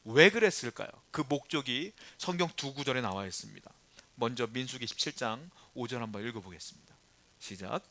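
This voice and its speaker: A man's voice: mid-range voice, animated, a little fast, bright, forceful tone. A male pastor preaching a sermon with emphatic rhetorical questions to the congregation, shifting between polite address and blunt plain talk.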